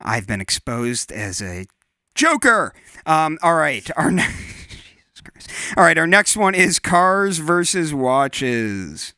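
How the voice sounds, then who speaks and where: A man's voice: fairly high pitch, very animated, slow pace, bright, forceful tone, clear, resonant tone, no echo, studio quality. A man hosting a casual livestream, running polls and making jokey asides. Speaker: livestream host.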